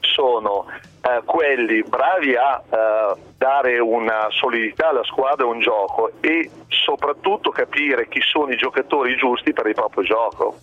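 A man calling in over the phone to a football radio show, talking hesitantly with pauses and restarts. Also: medium pitch. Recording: dull, lo-fi phone line.

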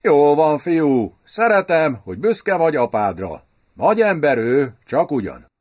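A man's voice: on the high side, big pitch swings, darkish tone, voice pushed up. A man doing an old, indulgently scolding king. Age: older. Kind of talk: audiobook character voice.

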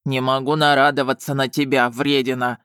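A woman voicing a big, gruff male dog familiar who growls and blusters. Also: very deep voice, level tone, moderate pace, a bit bright, no echo, studio quality, pitched below the performer's own voice. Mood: tender.

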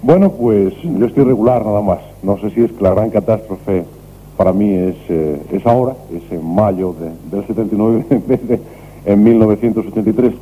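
A man hosting a late-night radio program, talking calmly and reflectively with a guest, on an old radio recording. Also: lowish voice, moderate pace, narrow, tinny audio, slight background noise. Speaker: radio host.

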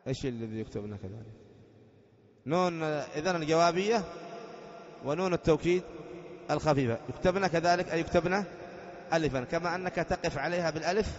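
A man teaching a grammar lesson, explaining patiently, quizzing students with rhetorical questions, and chanting the text slowly when reading it aloud. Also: a little high. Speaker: sheikh teaching Arabic grammar. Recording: dull lo-fi lecture recording in a reverberant hall.

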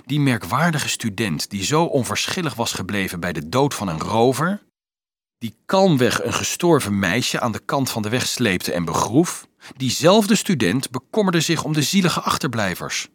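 Expressive male audiobook narrator. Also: medium pitch, moderate pace, slightly rough, no room sound, studio quality. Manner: expressive storytelling.

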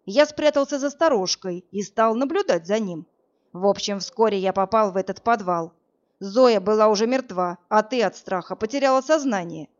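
A woman reading an audiobook, voicing a calm, protective man who talks in a steady, reassuring way. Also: medium pitch, moderate pace, muffled recording, natural voice. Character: calm protective man, tough bodyguard type.

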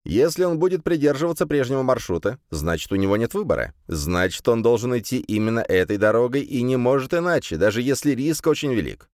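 A man voicing a calm, enigmatic police commissioner who speaks softly and unhurriedly. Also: medium pitch, a little fast, few pauses, no room sound, studio quality, voice pushed up, lightly acted.

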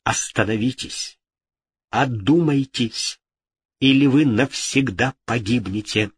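A male reader voicing a young nobleman who pleads fervently and slowly. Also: mid-range voice, husky, dry recording, studio quality. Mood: pleading.

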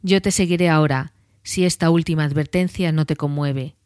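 A woman's voice: low voice, fairly even intonation, normal speed, a little mellow, no echo, studio quality, close to an everyday voice. A woman voicing Aragorn, a weathered and watchful ranger, solemn in tone.

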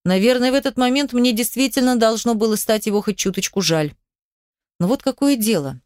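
A woman's voice: a little high, brisk, darkish tone, no room sound, studio quality. A woman reading a first-person story aloud in a wry, sarcastic way. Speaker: narrator. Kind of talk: first-person audiobook narration.

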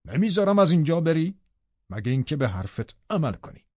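A man's voice: fairly high pitch, sing-song, a little mellow, no room sound, voice pushed up. Man voicing a cruel, taunting captor. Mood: scornful. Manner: taunting, scornful, cutting. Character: cruel, menacing middle-aged male captor. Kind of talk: audiobook character reading. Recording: dry, slightly dull studio audio.

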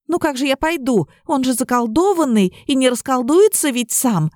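A woman's voice: sits high, animated, moderate pace, a little mellow, dry recording, studio quality, pitched above the performer's own voice. A woman voicing a flustered young witch girl who pleads and sniffles in an audiobook. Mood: pleading.

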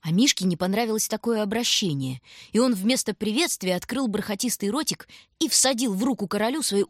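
A woman narrating a children's storybook in a calm, even reading voice, close to the mic. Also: medium pitch, slightly rough, no echo. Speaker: audiobook narrator.

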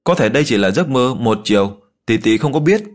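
A man voicing a shy, lovesick young woman who speaks softly and stammers. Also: mid-range voice, animated, fairly quick, faint music behind, lightly acted. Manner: soft, hesitant, stammering.

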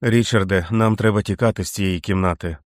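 A man voicing a calm, steady young man urging his sick friend to move. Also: fairly low pitch, a little fast, no echo, studio quality, natural voice.

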